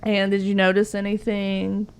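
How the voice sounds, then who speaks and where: A woman's voice: mid-range voice, monotone, moderate pace, clean tone. A woman co-hosting a podcast in casual chat, sharing facts in a chatty, giggly way with lots of "like" fillers. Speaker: podcast co-host.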